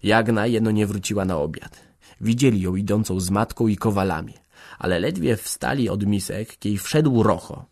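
A man reading a classic novel aloud in a measured, expressive way. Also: lowish voice.

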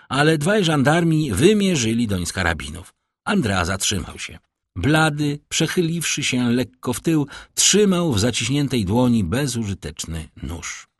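A man narrating a classic novel as an audiobook, in an expressive, theatrical way. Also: medium pitch, breathy edge, no room sound, studio quality. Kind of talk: audiobook reading.

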